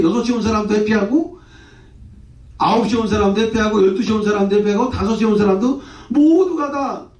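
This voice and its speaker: High-voiced pastor in an echoey hall. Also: male voice. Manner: lively, asks the congregation rhetorical questions, playful. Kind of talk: sermon. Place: church hall. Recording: echoey church hall, distant muffled mic.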